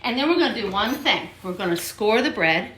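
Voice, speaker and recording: A woman's voice: medium pitch, animated, fairly quick, a bit bright, roomy sound, rough recording. A woman co-hosting a home cooking show, explaining each step in a chatty way in her kitchen. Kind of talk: casual cooking demo.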